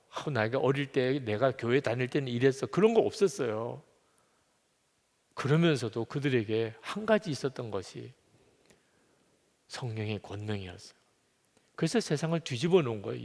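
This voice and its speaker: A male pastor delivers a sermon at a middle pitch, speaking earnestly and then rising suddenly into loud, emphatic bursts. His voice carries the long reverb of a church sanctuary. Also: gravelly.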